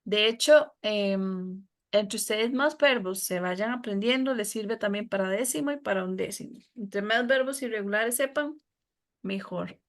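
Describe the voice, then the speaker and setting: A woman's voice: mid-range voice, a little slow. A woman teacher with a Costa Rican Spanish accent, explaining a lesson patiently to her students. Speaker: English teacher.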